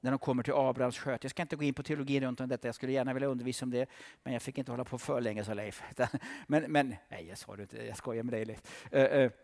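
A middle-aged man preaching a sermon dramatically, swinging from loud outbursts to hushed whispers. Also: mid-range voice, fairly even intonation, hardly any pauses. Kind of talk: animated sermon.

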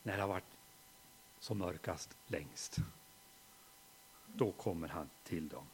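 A middle-aged man preaching a sermon and telling a personal story, moving from hushed reflection to loud, animated storytelling. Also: low-pitched, a little hiss or hum.

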